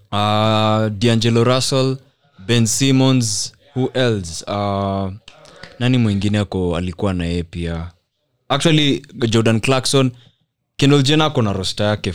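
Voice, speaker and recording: A man's voice: lowish voice, normal speed, no room sound. A young Kenyan man in casual, slangy debate, provocative and insistent, often repeating himself and switching between English and Swahili.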